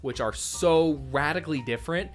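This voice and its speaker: A man's voice: fairly high pitch, normal speed, soft background music. A man in his thirties giving casual, enthusiastic, nostalgic commentary as a cartoon reviewer.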